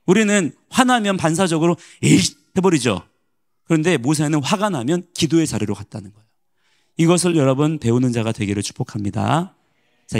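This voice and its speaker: A male pastor giving a morning sermon, preaching in an animated way and putting questions to the congregation. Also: mid-range voice.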